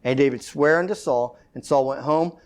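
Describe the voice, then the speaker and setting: A man's voice: mid-range voice, moderate pace, darkish tone, clean tone. A man teaching an informal Bible study, reading scripture aloud and explaining it in a conversational way, with fillers and self-corrections.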